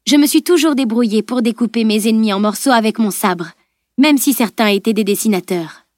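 A woman's voice: a little high, fairly quick, darkish tone, dry recording, studio quality, natural voice. A woman reading an audiobook, voicing a bold, blunt young female sword fighter who speaks frankly and with spirit.

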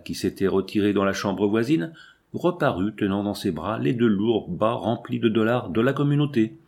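A man narrating a classic novel as an audiobook, in a measured, expressive reading. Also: fairly low pitch, gravelly, slightly rough.

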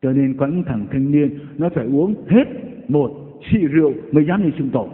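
Man preaching, priest, folksy storyteller, booming hall reverb, tinny phone-like sound. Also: fairly quick. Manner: folksy storytelling, animated quoted voices. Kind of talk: sermon with anecdotes. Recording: echoey hall over tinny lo-fi line.

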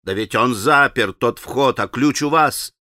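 A man's voice: mid-range voice, unhurried, pushed and bright, dry recording, clean studio sound, voice pushed down. A man reading an audiobook voices a stern, angry young man who scolds sharply.

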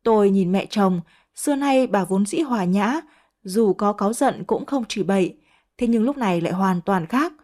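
A woman's voice: medium pitch, animated, normal speed, a little mellow. Woman narrating a family drama story. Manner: reads every character herself, shifting tone for quarrels and crying. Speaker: audiobook narrator. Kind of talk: first-person story narration with voiced dialogue.

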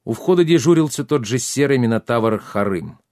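A man giving steady, measured scripted narration of a fantasy audiobook. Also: mid-range voice, no room sound, studio quality.

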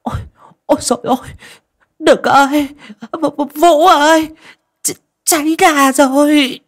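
A man voicing a frightened, pious old village grandmother in a storybook, with a husky, quavering voice. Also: expressive, unhurried, exaggerated voice. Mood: panicked. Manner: quavering prayer turning to shrill cries.

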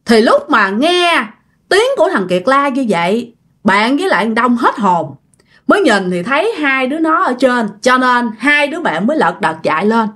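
A woman's voice: fairly high pitch, big pitch swings, moderate pace, fairly bright tone. A woman with a Southern Vietnamese accent casually retelling a ghost story, chatting directly to her listeners.

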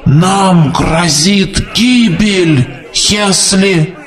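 An actor playing an old grey-haired prophet with a creaky, dusty voice, preaching doom to a crowd in an audiobook. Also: male voice, sits high, drawn-out words, recorded from a distance, exaggerated voice. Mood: prophetic. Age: older. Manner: solemn preaching to a crowd, rising to shouts. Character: ancient grey-haired male prophet, fervent and doom-laden. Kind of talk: audiobook character voice. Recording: voice over music.

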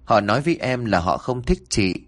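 A man's voice: mid-range voice, very animated, a little fast, natural voice. A man doing a stammering, timid boy. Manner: stammering, hesitant. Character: timid haunted young boy.

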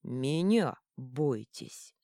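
A woman's voice: animated, very slow, warm tone, dry recording, studio quality, full character voice. A woman voicing a huge three-headed male serpent monster that blusters and then whines, in an audiobook. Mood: menacing. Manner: booming menace turning to pleading.

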